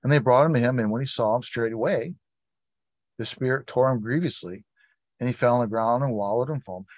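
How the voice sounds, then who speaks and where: A Bible study leader teaches scripture informally in a brisk, mid-range voice, captured in a dry, close recording. His delivery is plain and conversational as he reads passages aloud and adds asides.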